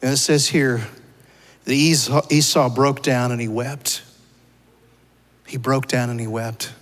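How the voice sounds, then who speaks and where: Unhurried and fairly even in intonation, a male pastor with a medium-pitched, fairly bright voice gives a conversational sermon full of rhetorical questions for his listeners. He's in a church sanctuary, and a long hall reverb colors the sound.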